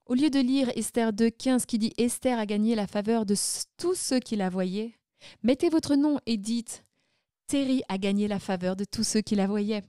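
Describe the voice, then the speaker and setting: A woman preacher delivers her teaching with emphatic, declaring phrases. Her voice sits a little high, and the sound is close and dry with no room echo. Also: moderate pace, warm tone, clear, resonant tone. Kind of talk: sermon-style teaching.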